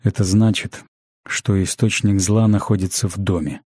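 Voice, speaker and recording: A man reading an aging mage teacher who speaks in a dry, curt, hoarse way. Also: lowish voice, steady tone, moderate pace, warm tone, dry recording.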